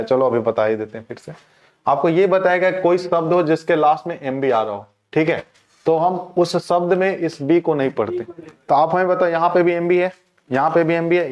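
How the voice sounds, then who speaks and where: Man teaching pronunciation in a muffled recording. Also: on the high side. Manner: repeats questions to the class and answers them himself. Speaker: English teacher. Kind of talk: classroom lecture.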